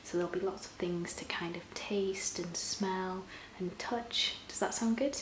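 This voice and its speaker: A woman in an ASMR role-play as a personal shopper, soft-spoken and often breathy, explaining things gently and a little hesitantly. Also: fairly low pitch, fairly even intonation, unhurried. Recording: roomy echo, clear background noise.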